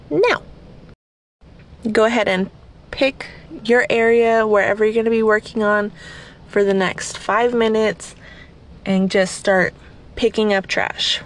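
A woman hosts a podcast, coaching listeners through a timed cleaning session at home. Her voice sits at an everyday middle pitch and is a little raspy from just waking up. She keeps it chatty and rambling, with self-deprecating asides. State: slightly raspy, just woken up. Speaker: podcast host. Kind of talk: casual guided cleaning session.

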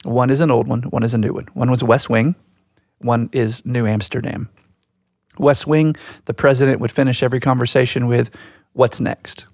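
Man, podcast co-host, gravelly voice, dry close sound, casual chat, reflective storyteller. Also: mid-range voice, steady tone, darkish tone, no echo. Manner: reflective, storytelling, slow and deliberate.

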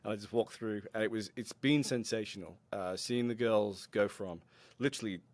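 Podcast guest: a deep-voiced man, lively and self-deprecating, recorded dry and close. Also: moderate pace, no echo. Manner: animated, self-deprecating, laughs often. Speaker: robotics team mentor, podcast guest. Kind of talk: conversational interview storytelling.

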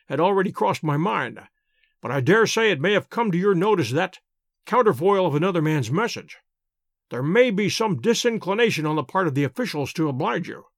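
A man narrating an audiobook takes on the voice of a calm male detective who lays out his reasoning in a measured, precise, lecturing manner. His pitch is fairly high, and the recording is studio quality with no room sound.

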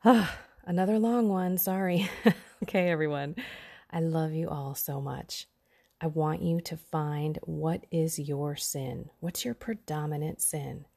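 A woman's voice: low voice, steady tone, unhurried, gravelly, warm tone. A woman hosting a podcast, giving an earnest, preachy personal faith talk with bursts of emphasis. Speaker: podcast host.

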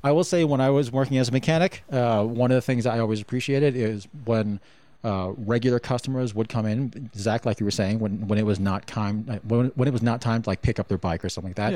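A man's voice: mid-range voice, fast, warm tone, no room sound. A man hosting a podcast, reading listener questions aloud and chatting in an easygoing way with frequent fillers. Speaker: podcast host.

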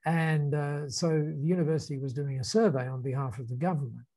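A man with a soft-edged, mellow voice presents ideas in a conversational way. He moves haltingly and deliberately, leaning on key words. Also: a little high. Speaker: speaker presenting ideas to a group. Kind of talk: conversational explanatory talk.

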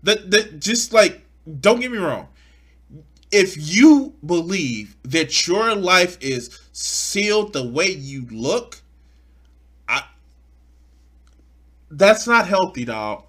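A man's voice: sits high, big pitch swings, slow, long pauses, a bit bright. A man, speaking bluntly and profanely with stammering restarts as he streams an off-the-cuff reaction.

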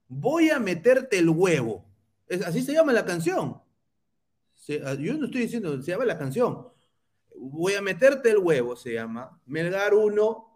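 Teasing football podcast host. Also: male voice, on the high side. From Peru. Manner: teasing, mocking rival fans. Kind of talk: casual football podcast chat.

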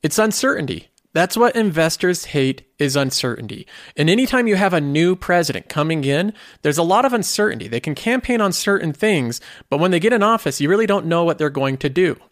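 A man's voice: a little high, expressive, brisk, few pauses, dry recording. Dry-voiced man explaining markets. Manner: explanatory, poses rhetorical questions. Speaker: finance video host. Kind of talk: scripted commentary.

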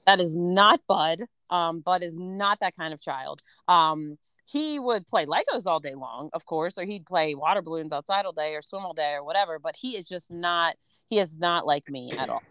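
A woman's voice: on the low side, normal speed, few pauses, fairly bright tone, no room sound, dull audio. A woman in her thirties, a homeschooling mom co-hosting a podcast, talking frankly and casually with lots of "um" and "you know". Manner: chatty, frank, many fillers like "um" and "you know".

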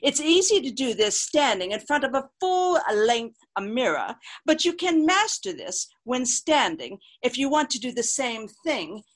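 A woman acting out a patient vocal coach who is mildly exasperated and hesitates with small fillers. Her voice sits somewhat high and moves very expressively in this comedic radio sketch. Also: big pitch swings, unhurried, few pauses, full character voice.

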